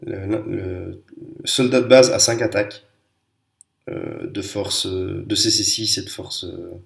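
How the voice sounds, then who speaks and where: A man giving a casual spoken review of tabletop wargame units, pausing often with fillers and restarts and sharing strong opinions. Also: deep voice, steady tone, vocal fry. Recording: echoey room.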